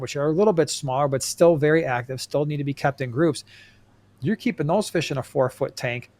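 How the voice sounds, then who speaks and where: A man co-hosting a casual aquarium podcast, talking in an animated way and acting out little jokes. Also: a little high. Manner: animated, laughs and acts out quips. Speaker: podcast co-host.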